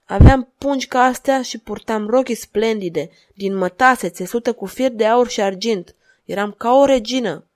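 A woman's voice: on the high side, darkish tone, close to an everyday voice. A woman reading aloud and voicing a fragile, grieving madwoman with a pleading, tremulous way of speaking. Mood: wistful.

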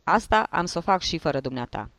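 Un bărbat jucând un judecător de instrucție iritabil. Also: male voice, fairly high pitch, lively intonation, bright, forceful tone, dry recording. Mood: scolding. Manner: curt, scolding. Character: irritable middle-aged male investigating judge, impatient and bossy.

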